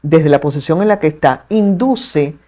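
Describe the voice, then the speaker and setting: A woman with a Dominican accent, a communication expert speaking as a guest in an interview, articulate and measured with playful asides. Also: deep voice, lively intonation, mellow. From Dominican Republic. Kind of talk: explanatory interview talk.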